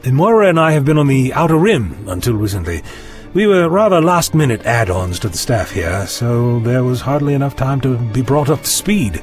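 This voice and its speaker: An actor playing an eccentric, observant and courteous time-travelling doctor in an audio drama, with a theatrical, polite way of explaining. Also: male voice, mid-range voice, sing-song, moderate pace, soft background music, natural voice. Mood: polite, reassuring.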